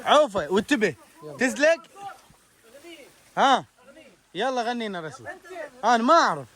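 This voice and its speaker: A young man with an Iraqi Arabic accent vlogging an outdoor trip, excited and anxious, calling out warnings to friends. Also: very high voice, moderate pace. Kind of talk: outdoor adventure vlog. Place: outdoors by a waterfall.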